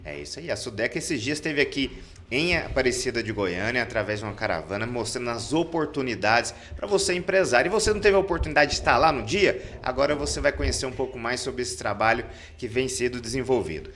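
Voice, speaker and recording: A man's voice: mid-range voice, lively intonation, fast, a bit bright, a little hiss or hum. A man hosting a business podcast interview, with an upbeat, announcer-like delivery. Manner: upbeat announcer-like delivery, reads sponsor list. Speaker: podcast host.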